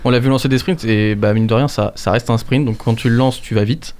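A laid-back man hosts a sports chat in a radio studio, laughing easily between remarks. He introduces the music and welcomes listeners back. His voice sits at an ordinary middle pitch. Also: fairly quick. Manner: relaxed, laughs easily, announces segments. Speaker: radio show host.

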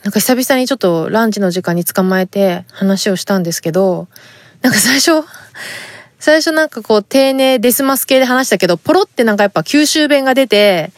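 A woman's voice: medium pitch, expressive, fairly quick, dry recording. A woman from Fukuoka, Japan, hosting a podcast and reading listener letters in a polite, chatty way with frequent fillers. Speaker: podcast host.

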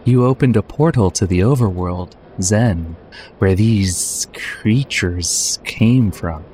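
Someone putting on a slow, snake-voiced sinister villain. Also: deep voice, warm tone, slight background noise. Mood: calm menace. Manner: snake-like, slow, deliberate, drawn-out delivery. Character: sinister, calmly menacing suited man with a snake voice. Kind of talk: dramatic reading of a comic fan story.

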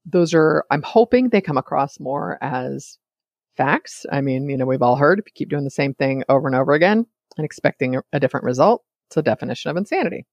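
A woman's voice: deep voice, animated, brisk, darkish tone, no room sound. A woman hosting a solo podcast, talking casually in a chatty, digressive way and often sidetracking herself. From California. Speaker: podcast host.

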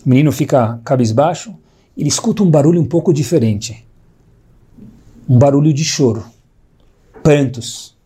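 Warm, husky storytelling teacher. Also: male voice, animated, moderate pace, pauses often. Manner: dramatic storytelling with big pitch swings. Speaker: religious teacher. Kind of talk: storytelling sermon.

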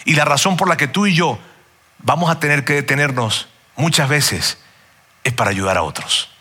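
A man's voice: a little high, expressive, moderate pace, pushed and bright, slightly rough. A man preaching a sermon earnestly and emphatically, often calling his listeners friends.

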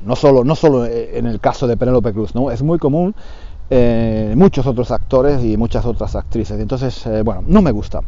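A man talks to language learners, repeating himself and checking in often. His voice is mellow and his pitch moves a lot. The recording sounds slightly dull and lo-fi. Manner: lively, repeats phrases, checks understanding. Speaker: Spanish teacher for learners. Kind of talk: casual opinion talk for learners.

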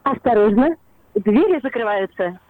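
A woman who voices subway announcements, giving a calm, measured intercom-style station announcement over a phone line. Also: a little high, dry recording. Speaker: actress, recorded voice of the subway announcements.

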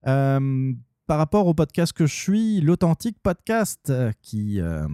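A man's voice: on the high side, big pitch swings, measured pace, warm tone, clear, resonant tone, no echo, clean studio sound. A man with a Québécois accent hosting his own podcast, talking casually with many fillers and restarts. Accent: Québécois French. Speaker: podcast host. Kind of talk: casual solo podcast talk.

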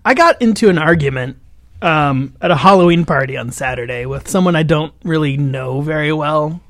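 A man co-hosting a podcast in casual chat, telling rambling, animated stories and laughing often. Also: on the high side, normal speed, dry recording, clean studio sound. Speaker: podcast co-host.

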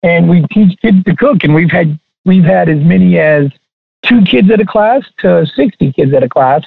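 A man's voice: high-pitched, lively intonation, gravelly, slightly rough, no room sound, phone-quality sound. A man, a guest chef, talking casually in an interview and restarting his sentences often. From Texas. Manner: halting, many restarts.

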